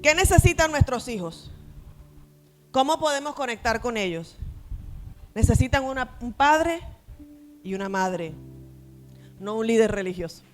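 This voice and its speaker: A woman's voice: a little high, expressive, measured pace, pauses often, soft background music. A middle-aged woman pastor preaching an emphatic sermon to her congregation, acting out short family dialogues as she goes.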